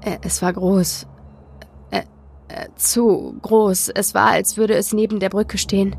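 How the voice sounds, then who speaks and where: A woman's voice: medium pitch, steady tone, brisk, a little hiss or hum, natural voice. A woman voicing a frightened, defensive teenage boy in a horror story reading, blunt at first and then stammering.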